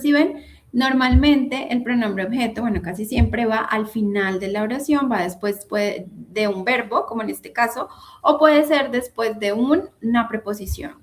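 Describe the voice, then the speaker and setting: A woman giving an online English grammar lesson, patiently repeating and spelling out each example. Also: a little high. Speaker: English teacher.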